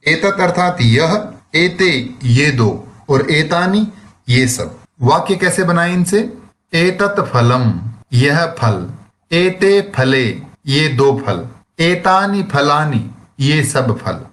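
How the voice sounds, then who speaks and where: A male teacher giving a recorded lesson, slowly explaining words one by one and translating each. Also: fairly high pitch, lively intonation, a bit bright. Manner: slow, explains word by word with translations.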